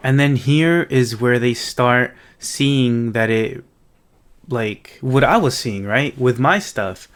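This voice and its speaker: Speaking slowly in a mid-range, slightly bright voice, this male host of a coding project video series gives a casual, unscripted tech walkthrough. He thinks out loud as he explains, frequently checking in with viewers.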